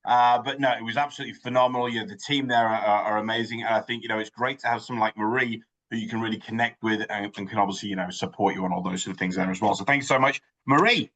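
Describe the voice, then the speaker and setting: A man's voice: fairly low pitch, steady tone, fast, hardly any pauses, fairly bright tone, rough recording. A man hosting an online business networking meeting, effusive and upbeat, often restarting his sentences. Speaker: host of an online networking event. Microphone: video call.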